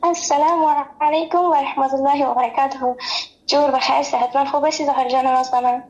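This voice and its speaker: A woman with an Afghan accent and Pashto as her mother tongue speaks in a very high-pitched voice. She chats as a regular caller on a radio phone-in, effusive and openly affectionate in her way of talking. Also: steady tone, a little mellow, highs cut off. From Farah province, Afghanistan. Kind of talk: casual radio phone-in chat.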